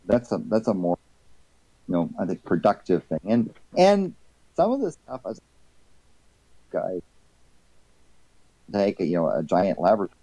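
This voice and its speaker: A man speaking haltingly over an online voice call, his voice cutting in and out on a bad connection, with many restarts and fillers. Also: low-pitched, wildly swooping pitch, mellow, slightly rough, dry recording, poor audio. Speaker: debate community participant. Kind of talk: casual discussion on a live stream.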